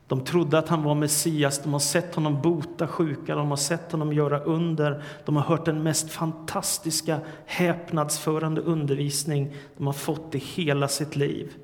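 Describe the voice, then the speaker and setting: A man preaching a sermon, earnest and measured, rising to emphatic cries on the words he quotes. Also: fairly high pitch, flat delivery. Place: church. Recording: long reverb of a church hall.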